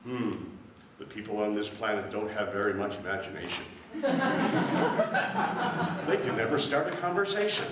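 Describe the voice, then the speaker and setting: A man's voice: lowish voice, expressive, quick pace, heavy background noise, pitched below the performer's own voice, lightly acted. A man voicing a small, dreamy wandering prince, musing to himself at a live storytelling. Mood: wistful. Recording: echoey hall from far off.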